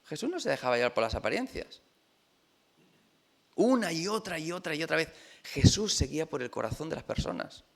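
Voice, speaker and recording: A man's voice: fairly high pitch, sing-song, fairly quick, gravelly, long pauses. A man from preaching a conversational sermon in a church, chatty and full of rhetorical questions to the congregation. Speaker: pastor.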